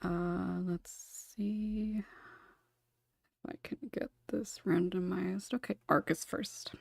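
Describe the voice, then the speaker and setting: A woman hosts a casual podcast panel over an online voice call, informal, giggly and hesitant. Her voice is on the low side, slow and creaky, with fairly even intonation and a darkish tone. It's a dry, close recording with clean studio sound and no room sound, through her own microphone with noise suppression.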